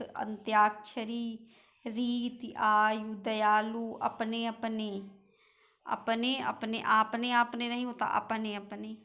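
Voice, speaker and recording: A woman teacher going slowly through word lists in an exam-prep lesson, pointing out common spelling mistakes. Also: fairly high pitch, fairly bright tone. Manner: slow, reads out word lists and corrects common misspellings.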